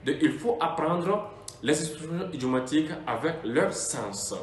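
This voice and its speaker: A man teaching an English lesson in French, explaining each phrase and repeating the example words slowly and deliberately. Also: on the high side, expressive, roomy sound, a little hiss or hum.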